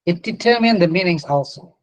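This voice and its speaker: A man's voice: high-pitched, lively intonation, fairly quick, poor audio. A middle-aged man with an Indonesian accent giving a university lecture, often repeating words and ending points with "yeah". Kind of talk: online class lecture.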